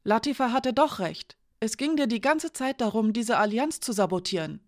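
A young woman weighed down by guilt, close to tears and pleading, as a woman reading a story puts her on. The voice sits noticeably higher than the narration and pushes forward with emotion. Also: expressive, normal speed, lightly acted. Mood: accusing.

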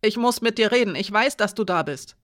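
The narrator voicing a restless young woman guard who pleads urgently and loudly. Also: on the low side, steady tone, brisk, natural voice. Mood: urgent, pleading. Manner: pleading, agitated, talks loud.

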